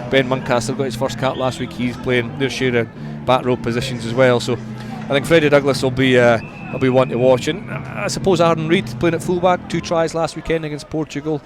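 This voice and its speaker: Appearing as a radio guest, a man offers conversational sports analysis in a measured way, repeating words to stress his points. His medium-pitched voice stays level, and music plays in the background.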